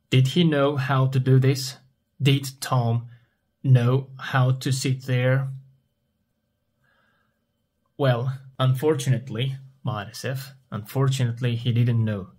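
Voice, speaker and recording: A man teaches at a very unhurried pace. His voice is husky and mid-pitched. He asks a question, pauses, and then answers it himself in simple words. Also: darkish tone. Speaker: English teacher. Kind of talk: slow question-and-answer language lesson.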